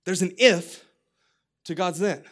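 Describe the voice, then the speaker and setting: A man in his thirties preaching a lively, humorous sermon, calling on the congregation to repeat after him, his voice starting to go hoarse. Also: high voice, slow pace. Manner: energetic, humorous preaching with crowd call-and-response. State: voice getting hoarse. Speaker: pastor.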